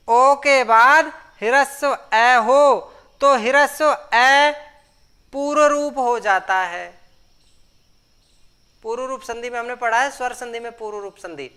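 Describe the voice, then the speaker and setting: A woman teaches grammar at an unhurried pace, walking through each rule step by step. Her voice is bright, smooth and clear, sitting a little high, and she pauses now and then to ask the class whether it has followed. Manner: explains step by step, often asks the class if it is understood. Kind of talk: classroom lecture.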